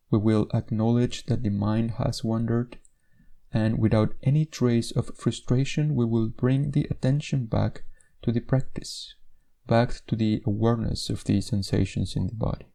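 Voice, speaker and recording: A man leads a meditation with a relaxed, lowish voice that carries a noticeable creak. He delivers each instruction in a measured way, with gentle pauses between phrases.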